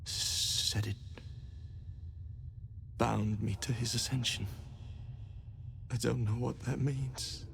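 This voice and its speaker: Starved, broken game captive: slow gravelly whisper, weary and pleading, over noisy ambience. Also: mid-range voice, fairly even intonation. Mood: haunted, bitter. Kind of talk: video game character acting.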